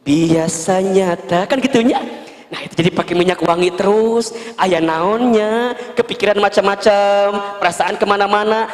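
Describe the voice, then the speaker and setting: A Sundanese man preaching, his high voice leaping up and down in lively storytelling with playful asides. The sound trails off in a long hall reverb. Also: moderate pace. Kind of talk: sermon.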